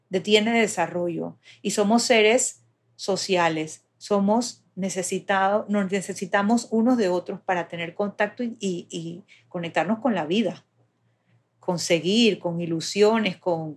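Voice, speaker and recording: A woman's voice: fairly low pitch, husky. A woman explaining child development step by step in a patient, conversational way.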